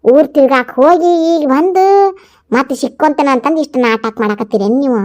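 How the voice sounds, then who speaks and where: A woman's voice: high voice, animated, a little fast, darkish tone. A woman with a North Karnataka Kannada accent voicing a bitter, scheming older village woman in a cartoon, in a scornful tirade. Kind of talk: cartoon voice acting.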